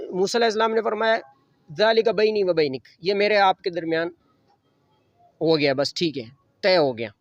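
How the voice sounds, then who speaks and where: A man teaching a religious lesson. He recites Arabic verses slowly and then explains them in Urdu. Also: fairly high pitch, no echo. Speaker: Quran teacher.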